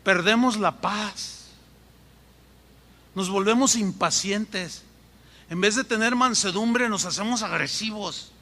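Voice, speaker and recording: Animated preacher man in a reverberant hall. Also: high voice, takes it slowly, pauses often. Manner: animated preaching, acts out voices in anecdotes. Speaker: pastor. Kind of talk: sermon. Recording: echoey hall with long reverb.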